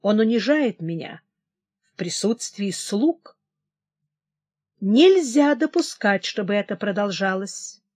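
A woman voicing a cold, scheming older queen mother who speaks calmly and calculatingly. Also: medium pitch, slow pace, long pauses, no echo. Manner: calm, smooth, quietly calculating.

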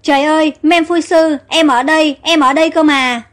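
Storybook heroine in despair, loyal and pleading, read by a woman, high pitch. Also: steady tone, moderate pace, fairly bright tone, soft background music. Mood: desperate. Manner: pleading, emotional. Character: young captive woman, desperate and loyal.

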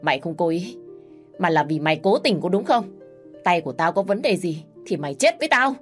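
A woman voicing a hot-tempered, spiteful sister-in-law who sneers and shouts insults in a storybook reading. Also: on the low side, sing-song, a little fast, soft background music. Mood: screaming.

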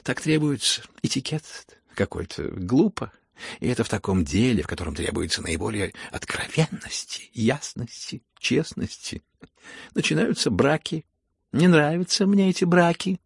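A man's voice: medium pitch, big pitch swings, measured pace, gravelly, no echo, clean studio sound, voice pushed up, full character voice. A man voicing an imperious, eccentric older general's wife who scolds her daughters in a raised, haughty voice. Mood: scolding.

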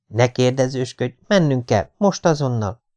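A man reading an audiobook, voicing a distressed young woman who speaks in clipped, urgent, hushed lines. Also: medium pitch, lively intonation, voice pushed up, close to an everyday voice. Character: upset young woman, tense and curt.

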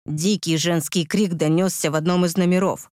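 A man narrating a dramatic audiobook with forceful, emotional delivery. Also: fairly high pitch, steady tone, moderate pace, no room sound, clean studio sound.

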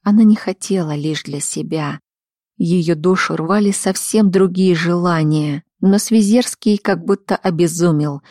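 A woman narrating an audiobook in a steady, measured reading voice. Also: lowish voice, no echo, studio quality. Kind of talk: scripted narration.

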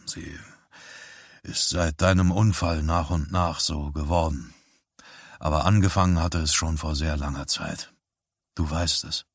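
A man doing a weary, hushed old-school father. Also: steady tone, unhurried, pauses often, breathy edge, no room sound, studio quality, full character voice. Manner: low, hushed, warning. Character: weary middle-aged father, gruff and quiet.

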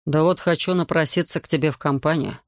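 A man voicing a calm, wry official. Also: fairly high pitch, fast, dry recording, clean studio sound, natural voice. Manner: even, quietly ironic. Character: calm, wry male official, sober and composed.

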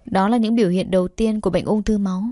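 Gentle grave male doctor, read by a woman. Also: medium pitch, fairly even intonation, dry recording, studio quality, natural voice. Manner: soft, measured, apologetic.

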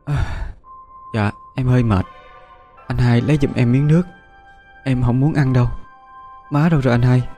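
A man voicing a frightened, grieving young village girl, speaking in a soft, halting way. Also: medium pitch, faint music behind, natural voice. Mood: weak. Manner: soft, halting, tearful storytelling.

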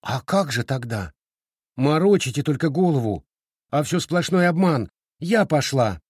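A man voicing a bold, quick-tempered village girl who talks in an excitable, high, sharp way. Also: husky, no echo, studio quality. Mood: agitated.

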